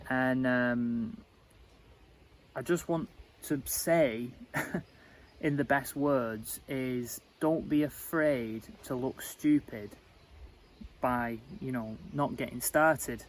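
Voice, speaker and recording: Casual male vlogger, slow and halting, muddles his words, mid-range voice, outdoor site with faint noise. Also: mid-range voice, poor audio. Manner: rambling and halting, with many fillers, self-described as muddling his words. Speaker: vlogger renovating a cottage. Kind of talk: casual chat to camera.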